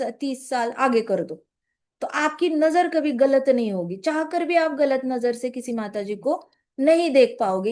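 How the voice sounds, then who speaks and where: A woman's voice: sits high, darkish tone. A woman giving a devotional story talk, explaining in Hindi mixed with English words and acting out short quotes. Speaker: spiritual speaker.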